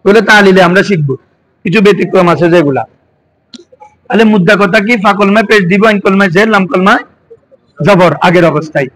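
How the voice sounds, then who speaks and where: A man's voice: sits high, a little fast, long pauses, fairly bright tone, rough recording. A man with a Bangladeshi Bengali accent teaching a class, constantly asking his students questions as he explains. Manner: quizzing students with frequent questions. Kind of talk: classroom lesson.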